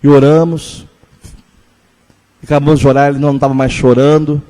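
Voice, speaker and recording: A man preaching a sermon as a pastor, telling a personal story earnestly and slowing down to stress key points. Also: on the high side, little pitch movement, dark tone, in a large hall. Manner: earnest storytelling, slows for emphasis.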